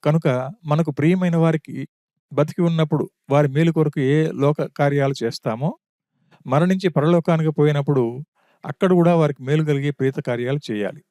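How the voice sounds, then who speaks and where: A man voicing a calm, wise monkey counselor who consoles a widow with steady, sermon-like reasoning. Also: on the high side, brisk, no echo, lightly acted. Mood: consoling.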